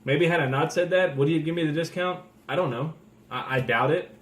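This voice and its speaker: A man's voice: on the high side, brisk. A man giving a casual, opinionated rant as a collector, blunt and disgruntled, with frequent swearing. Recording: echoey room.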